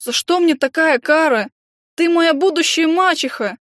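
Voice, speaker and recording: A woman's voice: very high-pitched, normal speed, a bit bright, no room sound, clean studio sound, voice pushed up. A woman voicing a sulky, rude teenage boy who talks in a petulant, indignant way. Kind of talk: audiobook character voice.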